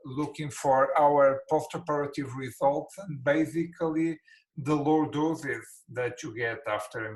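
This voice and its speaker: A man's voice: medium pitch, rough recording. Hesitant Portuguese-accented male surgeon lecturing. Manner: hesitant, many fillers and restarts. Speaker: spine surgeon. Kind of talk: webinar lecture.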